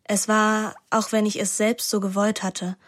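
In a radio drama, an actress plays a wilful, moody teenage girl narrating her summer intimately in the first person, with dialogue too, in a reflective mood. Her medium-pitched, natural voice is delivered flatly and a little slowly. It's a dry, studio-quality recording with music behind her.

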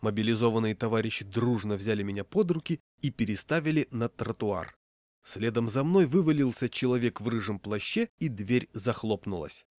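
A man reading a humorous first-person story in a wry, deadpan way. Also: lowish voice, moderate pace, dry recording, clean studio sound. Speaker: narrator.

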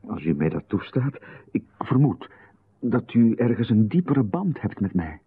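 In a 1990s radio drama, a man with a Flemish accent plays a polite, hesitant playwright who is easily flustered and anxious to please, conveying polite unease. His lowish voice is sing-song, measured and slightly rough, a full character voice. The broadcast sound is dry, narrow and phone-like.

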